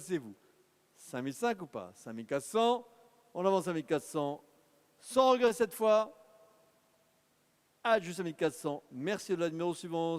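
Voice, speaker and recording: High-voiced man calling car auction bids. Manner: rapid rhythmic bid calling, urging bidders. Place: auction hall. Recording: long hall reverb.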